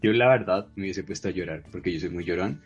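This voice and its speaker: A man with a low, husky voice chats casually and pokes fun at himself. The sound is dull and lo-fi, with soft music behind him. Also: fast. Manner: self-deprecating, chatty. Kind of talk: casual chat.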